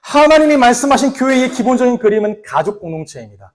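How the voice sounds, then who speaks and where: A man, a pastor, preaching a sermon with earnest rhetorical questions, dropping to a soft, quiet voice for the quoted words. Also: very high voice, big pitch swings, fast talker.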